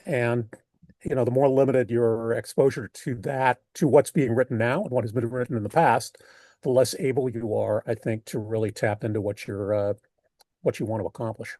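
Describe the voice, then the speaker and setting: Older male interviewee, American accent, mellow tone, dry close sound, thoughtful and halting delivery. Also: mid-range voice, fairly even intonation, dry recording. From United States. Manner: halting, thoughtful, rephrases mid-sentence. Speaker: poet being interviewed. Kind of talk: reflective interview talk.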